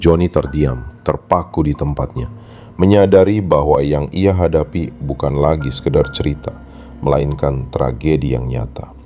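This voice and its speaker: Very deep, dark-voiced male horror narrator. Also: moderate pace. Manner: solemn, dramatic storyteller. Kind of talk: scripted horror story narration.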